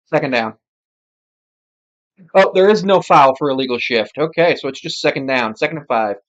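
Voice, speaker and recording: Offering casual live play-by-play of a football game, this amateur commentator mutters side remarks and self-corrects, with a voice whose sex is unclear. It's mid-range and slightly bright at a normal speed, with the high frequencies cut off.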